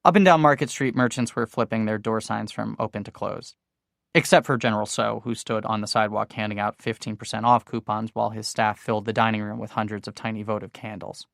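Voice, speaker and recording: Male audiobook narrator, gravelly, mid-pitched, dry close read. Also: fairly even intonation, fairly quick, a bit bright, no echo. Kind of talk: first-person audiobook narration.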